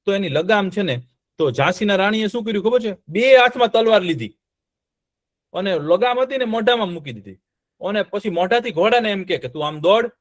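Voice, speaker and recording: A man's voice: high voice, expressive, fairly quick, dry recording, studio quality. A man telling a history story to children, often stopping to quiz them with check-in questions.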